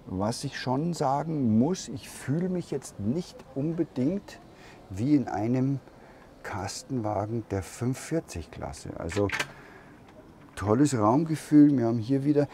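A man giving a slow walkaround tour of a camper van at a trade fair, thinking aloud with pauses and fillers. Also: mid-range voice, dark tone. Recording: crowd noise of a trade fair. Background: crowd chatter of a fair.

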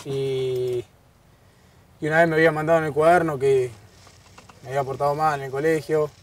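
A man in his thirties with a Rioplatense Spanish accent, a guest footballer chatting casually in an outdoor garden bar, relaxed and repeating his words. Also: fairly high pitch, brisk, slight background noise. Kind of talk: casual interview chat. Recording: distant outdoor pickup, faint ambience.

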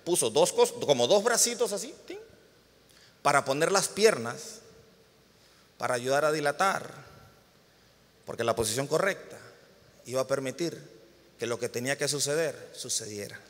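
A man in his thirties preaching a sermon, telling a family story with lively, animated delivery and sudden loud bursts. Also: medium pitch, normal speed, long pauses, long reverb tail. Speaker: pastor. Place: church hall.

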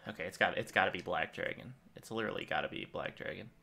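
A fast-talking young man with a low, creaky voice hosts a gaming channel, rambling and thinking aloud as he plays. He's recorded at a desk in a small room at home, and his volume jumps around energetically.

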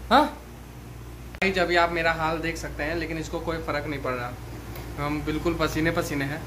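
A man in his thirties talks to a handheld phone in a small room at home. His voice is high and bright, and he pleads in an exasperated way. A faint hum of ambience sits behind him. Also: fairly even intonation, normal speed. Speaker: vlogger husband. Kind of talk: casual family vlog talk. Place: small home bedroom, indoors.

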